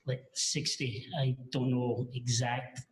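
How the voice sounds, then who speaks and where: A man gives testimony as a paramedic in a courtroom recording. He speaks plainly and haltingly at a mid pitch, pausing to find his words. The sound carries the echo of a large courtroom. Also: little pitch movement. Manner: halting, hesitant, plain-spoken.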